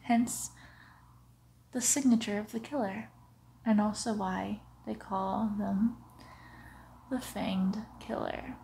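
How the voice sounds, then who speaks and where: A woman performs an ASMR roleplay as a young female vampire, murmuring extremely slowly and teasingly, smug and amused. Her breathy, medium-pitched voice is steady and often drops to a menacing whisper close to the mic, with wet mouth sounds. A clear bed of room noise sits behind the rough recording.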